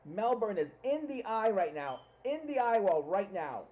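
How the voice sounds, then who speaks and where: A man hosting informal live hurricane coverage, excitable and emphatic, repeating himself as he gives updates. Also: high-pitched, normal speed. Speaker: livestream host covering a hurricane. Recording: muffled lo-fi audio with faint noise.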